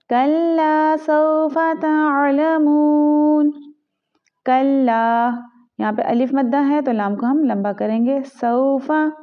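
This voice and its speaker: Female tajweed teacher, high voice, slow drawn-out recitation, narrow tinny sound. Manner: recites each word slowly, then explains fast in a lower voice. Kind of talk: tajweed lesson, reciting slowly then explaining quickly. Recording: tinny phone-like audio.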